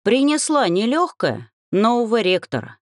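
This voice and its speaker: A weary, grumbling young woman student from a fantasy storybook, voiced by a woman reader. She sounds glum and fed up, her pitch still moving widely. The recording is dry. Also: wildly swooping pitch, moderate pace, dry recording.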